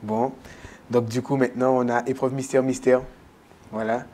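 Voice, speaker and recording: A man's voice: medium pitch, flat delivery, normal speed, darkish tone, slight background noise. A man co-hosting a parody dating show, bantering and laughing with his friends. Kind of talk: joking casual banter.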